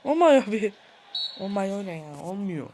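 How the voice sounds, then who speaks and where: A gamer commentating their own football video game match in a playful mock-commentator style, excitable and shouting at the players, with a sore throat. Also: medium pitch, unhurried, a little hiss or hum.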